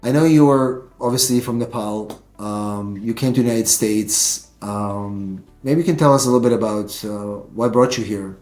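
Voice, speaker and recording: A man's voice: lowish voice, normal speed, hardly any pauses, a little mellow, roomy sound, soft background music. A man hosting a podcast interview from his home studio, talking casually with many fillers and restarts. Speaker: podcast host.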